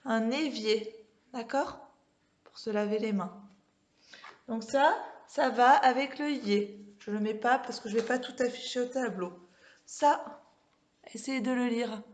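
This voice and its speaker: A woman leads a reading lesson for small children, sounding out words with careful, stretched pronunciation. Her voice sits a little high and she speaks unhurriedly, pausing often to ask whether the children follow. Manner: checks in with frequent questions to children. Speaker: primary school teacher. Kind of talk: home-schooling reading lesson. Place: classroom with a board.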